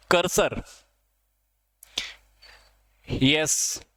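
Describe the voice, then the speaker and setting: A man with an Indian accent leads an exam-prep lesson in a high, clear, smooth voice. He reads each question out slowly, then explains it and gives the answer himself. The sound is close and dry. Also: a bit bright, no room sound, poor audio. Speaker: teacher.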